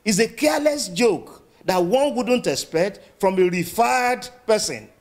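A man with a Nigerian accent comments with a critical edge. His voice sits high, and he presses his points with pointed questions. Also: expressive, a little slow.

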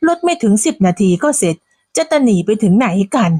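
A woman voicing a hardworking elderly village woman who scolds slowly and firmly. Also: on the high side, sing-song, warm tone, no room sound, clean studio sound. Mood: indignant.

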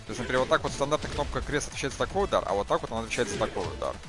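Animated male game streamer, casual commentary. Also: mid-range voice, very fast. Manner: informal, exclamatory, mutters to himself. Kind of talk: casual live gameplay commentary. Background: game music.

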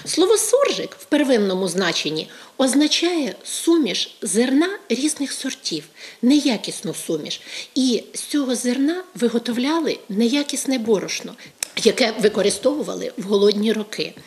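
Female language expert from Ukraine; calm, measured TV explainer who leans on each example. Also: fairly high pitch. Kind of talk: educational talk on television.

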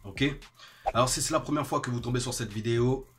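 A man's voice: medium pitch, fast, fairly bright tone, a little hiss or hum. A man with a French accent teaching independent musicians in a spoken video tutorial, explaining energetically and tapping out rhythms with syllables. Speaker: music coach for independent artists.

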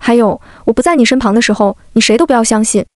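A gentle old village elder, read by a woman, warning earnestly at a quick clip. The voice sits fairly high and dry, close to the mic. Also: no room sound, close to an everyday voice.

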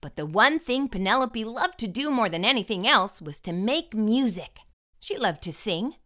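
This is a storybook read-aloud host, a woman whose pitch runs fairly high. She tells the children's story slowly and deliberately, with plenty of expression.

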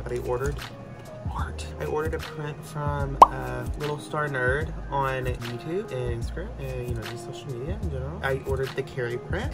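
A teenage boy with a stuffy, congested nose, rambling in a casual, self-mocking voiceover from his bed. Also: medium pitch. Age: teens. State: nasal congestion. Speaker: art vlogger. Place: bedroom, sitting in bed. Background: background music.

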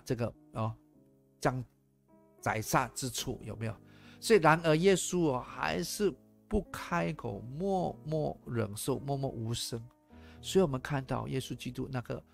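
A male pastor delivers an animated sermon, asking the congregation rhetorical questions and slipping in English phrases. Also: mid-range voice, creaky.

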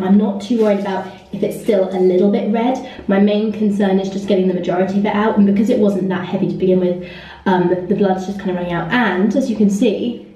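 In the echoey small rooms of a holiday rental flat, the bathroom and sitting room, a young woman vlogs casually to a handheld camera at arm's length. She's candid and chatty with small restarts, her voice mid-range, and there's a little hiss or hum.

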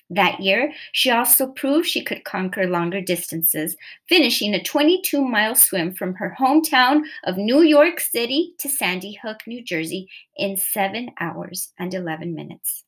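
A woman's voice: medium pitch, fairly bright tone. A woman narrating a nonfiction story aloud, reading steadily with the odd slip and self-correction. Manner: reads steadily with occasional slips and self-corrections.

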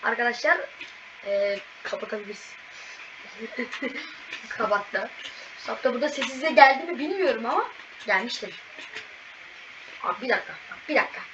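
A woman commentating a video game as she plays, excitable and exclaiming at every fail and win. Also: fairly high pitch, moderate pace, pauses often. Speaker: gaming channel host. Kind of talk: live gameplay commentary. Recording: distant, muffled mic with loud background noise.

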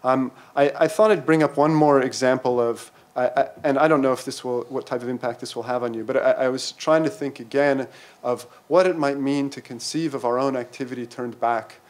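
A middle-aged man speaking at a conference panel, halting and full of fillers and restarts, into a table microphone in a lecture hall. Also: mid-range voice, steady tone. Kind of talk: academic conference talk. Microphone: table mic on stand.

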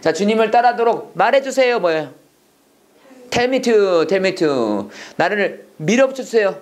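In a classroom lesson, a Korean speaker teaches English prayer phrases through call-and-response drills, having students repeat each line. The mid-range voice is very animated yet unhurried.

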